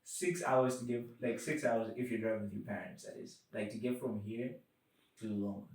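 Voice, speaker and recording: A man's voice: fairly low pitch, steady tone, normal speed, darkish tone. Slangy young man in an echoey room. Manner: slangy, laid-back, drops into quoted voices. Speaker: podcast co-host. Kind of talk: casual chat.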